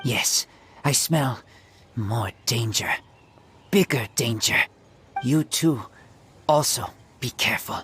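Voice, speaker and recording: A gruff, wild young game character, low in voice. He is terse and primal, slowly pushing out broken phrases. Faint music plays behind him. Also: a bit bright. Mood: wary. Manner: halting, broken short phrases. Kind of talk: video game character acting.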